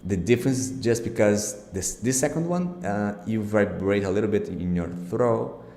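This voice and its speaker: A man's voice: lowish voice, lively intonation, moderate pace, gravelly, warm tone. A man, a non-native English speaker, teaching pronunciation informally and reassuringly, with exaggerated, emphatic articulation of sounds. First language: not English. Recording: echoey, reverberant room.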